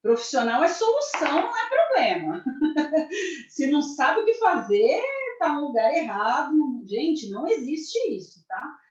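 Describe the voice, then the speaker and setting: A woman's voice: high-pitched, sing-song, unhurried. A woman with a Brazilian accent, a career mentor giving a corporate training talk, speaking to the audience directly and acting out example phrases. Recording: echoey, dull lo-fi sound.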